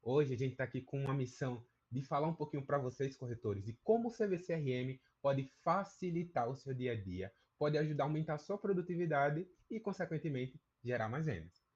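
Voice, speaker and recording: A man hosts a live webinar in a voice of middling pitch. He keeps an upbeat, promotional tone as he introduces the panel. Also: lively intonation, a little fast, a little mellow, highs cut off. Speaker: webinar host.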